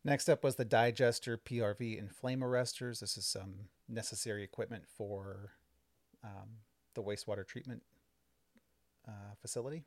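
Man with a low, dry voice. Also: steady tone, moderate pace, no room sound. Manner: explanatory, chatty, many fillers. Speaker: village trustee and podcast host. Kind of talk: casual podcast recap of board meetings. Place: home, kids and cats in the house.

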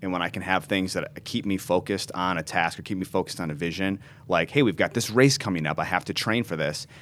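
A man in his thirties speaks in a low, fairly quick, slightly bright voice. He's a pastor and ministry founder, earnestly telling his story in an interview and frequently restarting his sentences.

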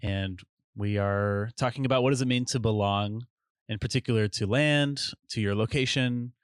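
A man's voice: on the low side, moderate pace, smooth, no echo, clean studio sound. A man hosting a podcast in casual conversation, joking, chuckling often and reading passages aloud. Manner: chuckling, jokey, reads aloud. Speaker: podcast host. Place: Seattle home.

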